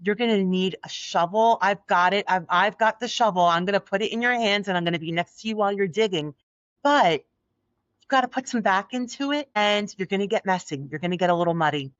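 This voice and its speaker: This time her soothing voice is mid-range with a fairly bright tone, as the middle-aged Philadelphia-accented guest earnestly encourages listeners in a podcast interview. The lo-fi audio is dull and dry, without room sound.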